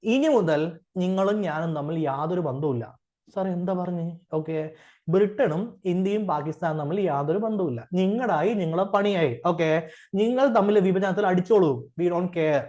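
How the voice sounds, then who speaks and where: At a normal speed and in a high, darkish voice, an exam coach with a Malayali accent teaches an informal lecture, asking rhetorical questions and often confirming his students are following. He weaves English terms into his speech, and the recording sounds muffled.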